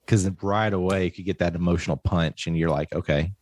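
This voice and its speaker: A man's voice: low-pitched, steady tone, darkish tone. A man hosting a podcast discussion, chatting with enthusiasm and steering the talk to new topics. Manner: enthusiastic, quick affirmations. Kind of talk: casual film review chat.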